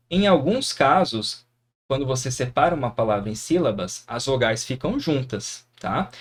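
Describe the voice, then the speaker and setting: A man with a Brazilian Portuguese accent teaching a grammar lesson, encouraging and often checking in with his students. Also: mid-range voice. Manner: encouraging, frequent tag questions. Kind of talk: classroom lesson explaining grammar.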